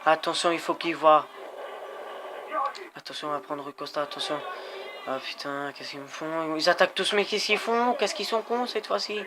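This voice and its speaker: A man playing a cycling game, commentating excitedly, swearing and cheering his riders on. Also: on the high side, moderate pace. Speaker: gamer. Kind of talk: let's-play commentary. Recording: background noise.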